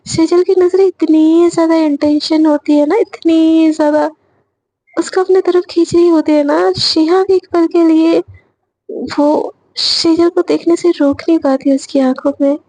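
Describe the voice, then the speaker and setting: A woman's voice: very high-pitched, fairly even intonation, unhurried, mellow. A woman casually narrating a romantic story in a chatty way, slipping into each character's lines.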